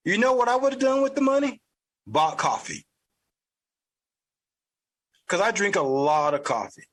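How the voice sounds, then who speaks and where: A man with a Southern drawl delivers blunt, profane podcast commentary. His voice sits high and sounds bright and forceful, with a husky edge. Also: lively intonation, unhurried. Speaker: podcast host. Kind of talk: opinion commentary.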